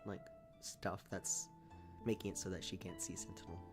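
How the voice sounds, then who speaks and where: A man livestreaming a game, reading its narration aloud and adding casual commentary in a creaky voice. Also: flat delivery, moderate pace. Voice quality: deep, creaky. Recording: game music behind.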